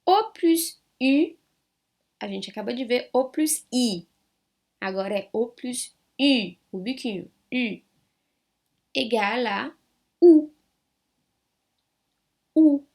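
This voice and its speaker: A woman with a Brazilian Portuguese accent gives an online French lesson in a slightly high voice. She talks at an unhurried pace, stretching out and repeating each French sound for learners. She keeps checking in with the viewer as she explains. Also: expressive, vocal fry. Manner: chatty, with frequent check-ins to the viewer. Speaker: French teacher.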